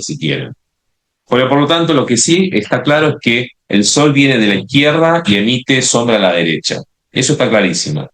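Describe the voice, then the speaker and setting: Low-voiced man teaching painting. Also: fairly bright tone. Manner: explanatory, many checking "¿sí?" tags and restarts. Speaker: watercolor instructor. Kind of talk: live painting demonstration.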